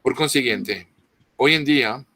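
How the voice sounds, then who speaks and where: Bright and forceful, this mid-range male voice belongs to a middle-aged French guest author being interviewed. He lectures at length with a French accent, halting through many restarts and fillers, recorded with no room sound.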